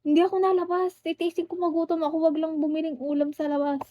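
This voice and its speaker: A woman's voice: extremely high pitch, little pitch movement, quick pace, mellow. A young woman with a Filipino accent chatting casually on a live stream and greeting viewers by name.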